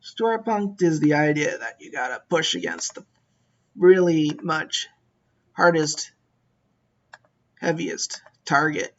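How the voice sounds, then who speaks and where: A gameplay commentator offers slow, casual commentary on a strategy game, thinking aloud and addressing his units. His voice is a little high for a man and fairly bright, captured on a lo-fi mic that sounds dull, with mouse clicks ticking behind him.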